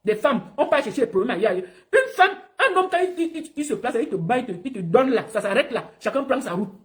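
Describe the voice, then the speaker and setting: A woman's voice: fairly high pitch, lively intonation, fairly quick. A woman ranting on a live stream in a scornful, mocking, repetitive way. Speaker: online personality.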